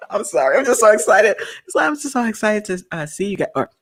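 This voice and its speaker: A young adult woman hosting a live-stream talk show, excitable and gushing, laughing often. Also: mid-range voice, quick pace.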